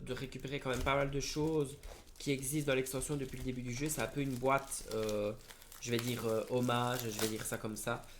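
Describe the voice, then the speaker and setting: Jeune homme, vlog d'ouverture de cartes, parle en hésitant, ton posé, voix moyenne. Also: male voice, medium pitch, slight background noise. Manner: hesitant, many fillers and restarts. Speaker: card opening vlogger. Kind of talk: casual unboxing commentary.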